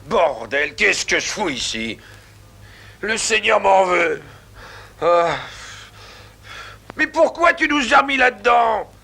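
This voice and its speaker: A man dubbing a fretful prisoner into French, excitable and complaining, swearing often, with film music underneath. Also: a little high, slow pace, gravelly, pauses often, breathy edge, exaggerated voice. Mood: angry. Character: loud, fretful man jailed, protesting innocence.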